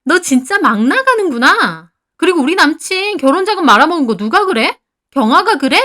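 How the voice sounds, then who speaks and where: A woman's voice: high voice, big pitch swings, unhurried, a bit bright, voice pushed up, exaggerated voice. A woman voicing a sly, prying female friend. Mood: defensive. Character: jealous, needling female friend in her 20s-30s. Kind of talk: dramatized story reading.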